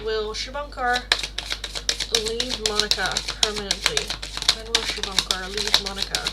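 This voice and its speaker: This is a very noisy recording of a young woman with a Dutch Rotterdam accent giving a casual tarot reading on livestream. At a moderate pace and with fairly even intonation in a mid-range voice, she chats and rambles through viewer questions, using plenty of fillers and correcting herself often.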